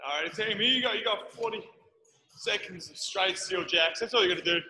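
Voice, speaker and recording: A man's voice: high voice, a little fast, pushed and bright. A man coaching a live workout, encouraging the group and counting down the time. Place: large gym studio.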